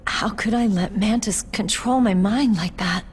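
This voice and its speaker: Meryl, an earnest young soldier. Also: female voice, medium pitch, a little slow, breathy edge. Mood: remorseful. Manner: earnest, tentative, questioning. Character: earnest young female soldier, self-doubting, curious. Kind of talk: video game cutscene acting.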